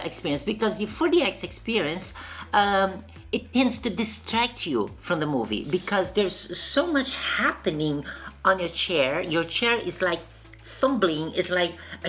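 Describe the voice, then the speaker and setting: A woman vlogger giving a casual spoken review in a halting way, often circling back to rephrase. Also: mid-range voice, fairly bright tone. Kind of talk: casual chat, reviewing while eating.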